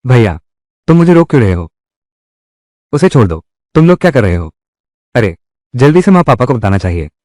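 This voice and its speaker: A man's voice: mid-range voice, big pitch swings, moderate pace, pauses often, a little mellow, no room sound, clean studio sound. A man narrating a dubbed drama recap and reading every part himself in one voice. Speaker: dubbing narrator. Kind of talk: Hindi drama recap dubbing.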